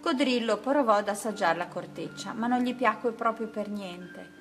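Gentle woman reading a picture book. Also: mid-range voice, moderate pace, soft background music. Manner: gentle, rhythmic, rhyming delivery. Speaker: storyteller. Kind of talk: children's picture-book read-aloud.

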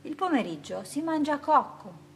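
A woman voicing a small crying monkey with high, drawn-out cries. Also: sing-song, fairly bright tone, slight background noise, heavily acted. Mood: hurt.

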